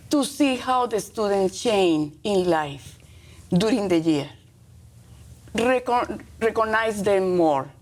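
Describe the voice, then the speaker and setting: A middle-aged woman from Colombia, a native Spanish speaker with a Colombian accent, answering interview questions as a teacher in halting, earnest English with short emphatic phrases. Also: mid-range voice.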